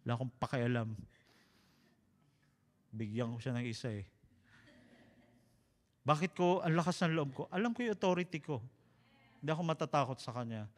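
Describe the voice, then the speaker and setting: A man with a Filipino accent preaching a sermon, an animated, joking storyteller who slips between Tagalog and English. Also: mid-range voice, moderate pace, pauses often, in a large hall.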